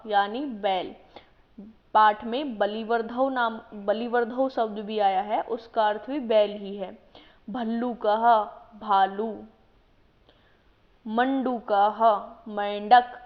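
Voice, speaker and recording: A woman teaching a language lesson who reads each word out and then explains what it means. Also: mid-range voice. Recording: dull lo-fi voice-over.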